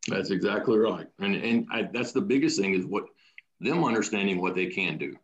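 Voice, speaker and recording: A man, a high school baseball coach telling stories in a casual podcast chat. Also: brisk, rough recording. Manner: storytelling, animated when quoting kids.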